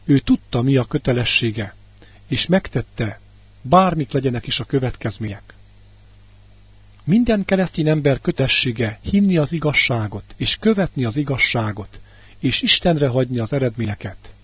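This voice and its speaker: A man's voice: medium pitch, expressive, husky, no echo. A man reading a sermon in an earnest manner, lifting his voice on key words, heard on a dull radio broadcast. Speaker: preacher.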